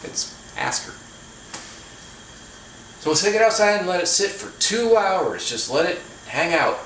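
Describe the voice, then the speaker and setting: A man's voice: high voice, very animated, a little slow, a bit bright. Chatty man in an echoey home kitchen. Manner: dry self-deprecating humor, chatty asides. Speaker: cooking channel host. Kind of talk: casual home cooking vlog. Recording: very echoey room, mic at a distance, faint noise.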